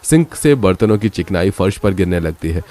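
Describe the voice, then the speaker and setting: A man narrating a family story in a steady, descriptive manner. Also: deep voice, a little fast.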